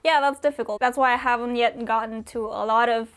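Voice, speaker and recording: A woman's voice: a little high, steady tone, fairly quick, smooth. A young woman from Romania chatting casually as a booktuber answering viewer questions, with lots of fillers and small laughs. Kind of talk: casual chat.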